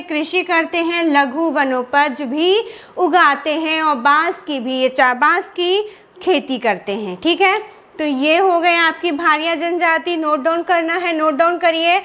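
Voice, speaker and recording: A woman's voice: very high voice, bright, forceful tone. A woman teaching an exam-prep lesson, asking questions and answering them herself while repeating key terms. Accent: Indian Hindi. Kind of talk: classroom lecture with repetition and revision.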